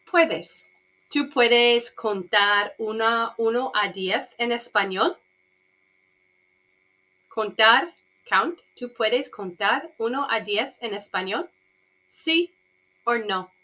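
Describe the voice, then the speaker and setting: A Spanish teacher with a fairly high-pitched, sharp voice speaks extremely slowly and pauses often. She animatedly asks her beginner students simple yes-or-no questions and translates every phrase in a slow, repetitive bilingual lesson.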